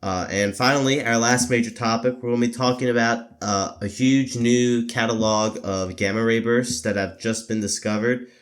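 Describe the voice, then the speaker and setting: A man with a stuffy voice from allergies hosting a casual solo podcast, rambling with lots of fillers, self-corrections and throat-clearing. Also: medium pitch, fairly even intonation, normal speed, few pauses. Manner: clears his throat often. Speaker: podcast host.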